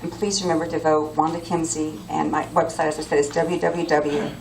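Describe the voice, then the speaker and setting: A woman's voice: sits low, flat delivery, brisk, vocal fry, a little hiss or hum. A woman giving an earnest, appealing campaign speech as a political candidate. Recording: echoey room from far off.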